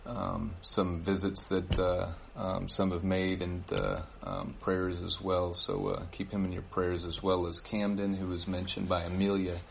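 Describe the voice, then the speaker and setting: A man giving church announcements, halting with many fillers. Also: low voice, completely flat delivery, creaky, a little hiss or hum. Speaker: worship leader giving announcements. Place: church service.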